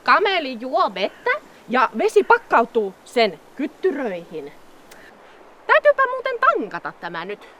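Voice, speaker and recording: Bright, lively woman coaxing an animal. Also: sits high, muffled recording. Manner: coaxing, repeats words. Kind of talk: talking to an animal while leading it.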